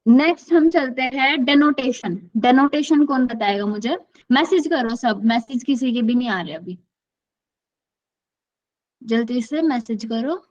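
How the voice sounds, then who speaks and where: ऊँची आवाज़ वाली शिक्षिका, online class. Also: female voice, fairly high pitch, unhurried, muffled recording. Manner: quizzes students by name, switches often between Hindi and English. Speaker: online class teacher. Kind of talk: online class teaching.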